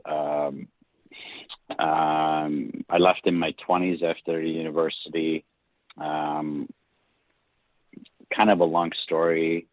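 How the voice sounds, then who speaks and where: A middle-aged man from Hungary with a Hungarian accent, telling his story as a guest in a relaxed interview, halting with many restarts. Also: a bass voice, dry recording. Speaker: guest screenwriter. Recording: dry tinny phone-like line.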